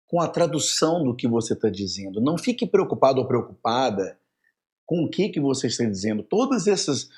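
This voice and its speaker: A man with a Brazilian accent, a native Portuguese speaker, teaching an online English lesson in a lively way and drilling phrases for the viewer to repeat. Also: mid-range voice.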